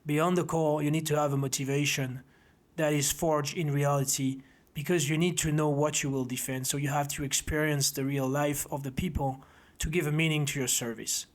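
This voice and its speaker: Earnest man, slightly high voice. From Belgium. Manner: earnest, steady, measured delivery. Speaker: founder of a self-defense academy, former army officer. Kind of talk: presenting to camera, personal story.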